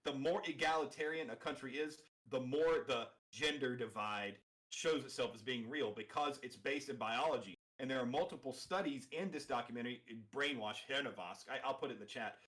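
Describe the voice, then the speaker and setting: A man's voice: medium pitch, brisk, hardly any pauses, a bit bright, low-quality recording. A man co-hosting a reaction video, talking emphatically and insistently, often repeating himself. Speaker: co-host reacting to a panel video. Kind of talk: casual reaction commentary.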